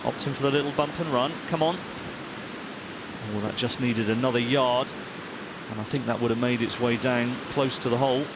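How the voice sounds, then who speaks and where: A man works as a golf commentator, talking through play like a former player. His pitch is average and his delivery is measured and sympathetic. A clear rumbling noise sits behind his voice. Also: steady tone.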